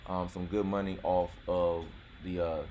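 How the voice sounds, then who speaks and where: A man's voice: low voice, level tone, unhurried, warm tone, a little hiss or hum. A man in his forties hosting a casual live-stream chat outdoors, laid-back and rambling. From North Carolina, US. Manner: laid-back, rambling, lots of "you know what I'm saying". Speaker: channel host. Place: outdoors near a golf course.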